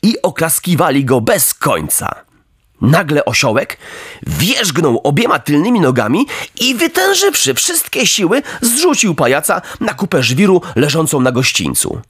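A man's voice: a little high, unhurried, husky, dry recording. Brief: male storyteller, wildly varied melody, dry close sound. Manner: very expressive, theatrical reading. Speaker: audiobook narrator. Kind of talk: scripted storybook narration.

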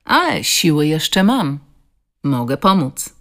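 A ragged vagrant man in a spoken story, as a woman narrator reads him, calm and unhurried. The voice stays low and gravelly. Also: heavily acted. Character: ragged homeless older man, calm and humble.

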